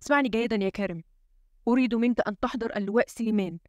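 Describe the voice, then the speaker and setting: A woman's voice: a little high, fast talker, a little mellow, no room sound, natural voice. A woman voicing a tense, suspicious male head of state who mutters urgently and gives commands in an audiobook reading. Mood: commanding.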